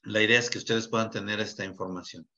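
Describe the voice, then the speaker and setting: A man with a mid-range voice hosts an online class and thanks the group warmly and courteously, pressing on because time is short. The video-call audio sounds a little dull. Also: fairly low pitch, fairly even intonation, fast. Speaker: class host.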